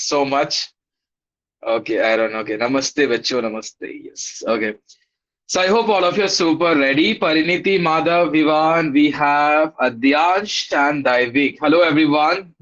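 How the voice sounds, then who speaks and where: A man's voice: a little high, a bit bright. A man with an Indian accent teaching a live online class, greeting schoolchildren by name in an upbeat, encouraging, casual way. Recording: dull, lo-fi online class audio.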